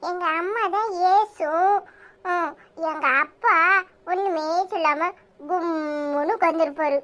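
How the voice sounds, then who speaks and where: A woman's voice: very high voice, fairly even intonation, unhurried, fairly bright tone, highs cut off. A woman voicing a chatty, teasing young village boy in a cartoon, with a Tirunelveli Tamil accent. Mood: gossiping. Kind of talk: cartoon voice acting.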